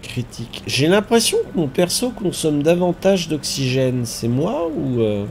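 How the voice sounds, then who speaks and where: A man's voice: a little high, unhurried, creaky, slight background noise. A man with a slightly stuffy nose, chatting casually and thinking aloud as he streams a video game. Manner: relaxed, chatty, thinks aloud and repeats words. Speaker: streamer playing a survival game. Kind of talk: casual live-stream commentary.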